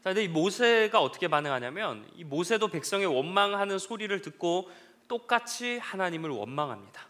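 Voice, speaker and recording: A male pastor giving a conversational sermon, often pausing with fillers and rising sharply when he acts out complaints. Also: high voice, very animated, bright, forceful tone.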